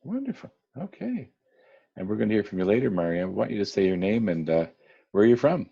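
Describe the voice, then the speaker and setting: A man's voice: lowish voice, very animated, brisk, gravelly, mellow, breathy edge, lo-fi sound. A man emceeing a virtual dinner over a video call, chatty, calling on guests by name. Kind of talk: casual virtual meeting hosting.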